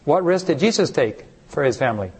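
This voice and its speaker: A man with a fairly high voice delivers a sermon. He leans on rhetorical questions to the listeners and slips into short acted voices for the people in his stories. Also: animated, brisk, slightly rough. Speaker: preacher.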